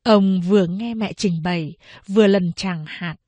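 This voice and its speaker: Slow, measured woman narrating. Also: medium pitch, mellow, no room sound. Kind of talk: audiobook narration.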